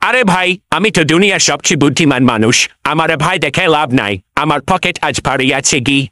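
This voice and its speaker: Cartoon trickster mullah, male actor: highish, bright forceful voice, playful, boastful, wheedling. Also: lively intonation, a little fast, no echo, clean studio sound. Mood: cocky. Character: cheeky, self-assured male folk trickster mullah.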